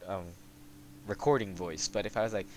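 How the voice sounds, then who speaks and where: A man hosting a casual chat about developing a game, talking in a monotone with lots of halting fillers. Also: low-pitched, slight background noise.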